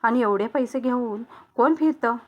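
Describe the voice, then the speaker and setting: A woman voicing a lively, chiding sister-in-law. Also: a little high, normal speed, dull audio, lightly acted. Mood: exasperated.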